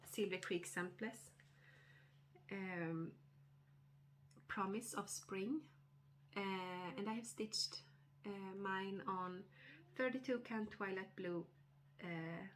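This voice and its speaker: A woman with a cold, sounding a little nasal, giving a casual stitching update vlog with many hesitant fillers and throat-clearing. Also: mid-range voice, fairly bright tone, a little hiss or hum. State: has a cold, slightly nasal. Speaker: cross-stitch vlogger.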